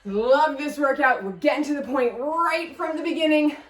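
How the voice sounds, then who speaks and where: A woman's voice: high-pitched, normal speed, echoey room, distant mic. A woman fitness instructor leading a workout class, upbeat as she counts reps and cues form while exercising along.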